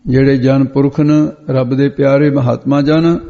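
A man's voice: mid-range voice, fairly even intonation, moderate pace, creaky, mellow. A man preaching as he explains scripture line by line, glossing each word and repeating phrases for emphasis. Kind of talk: line-by-line scripture exposition sermon. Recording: dull lo-fi sound with long hall reverb.

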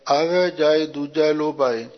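A man explaining Sikh scripture verse by verse in a measured, repeating manner. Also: fairly high pitch, steady tone. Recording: muffled lo-fi recording.

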